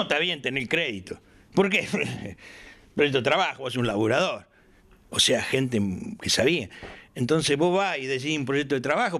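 An older man with an Argentine accent, chatting in his workshop as an interviewee and telling stories animatedly, acting out the dialogue he quotes. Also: mid-range voice. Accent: Argentine Spanish. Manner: animated storyteller who acts out quoted dialogue. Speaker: aircraft builder interviewee.

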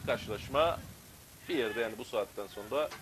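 A man giving live football play-by-play, bursting into loud, excited shouts at key moments. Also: mid-range voice, normal speed, over music. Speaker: football match commentator.

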